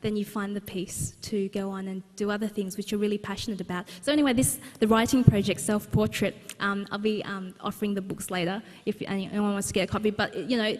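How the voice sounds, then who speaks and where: Quick-paced with few pauses, a young Australian woman speaks in a mid-range, darkish voice with fairly even intonation. As an author at her book launch, she tells a personal story earnestly and conversationally, restarting often. She's in a large exhibition centre hall, and the recording has a long hall reverb.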